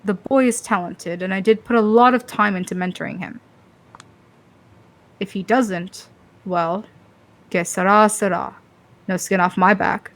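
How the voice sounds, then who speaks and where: A woman's voice: medium pitch, steady tone, unhurried, long pauses, fairly bright tone. A woman reading game dialogue as a haughty, dismissive senior vampire, cool and condescending.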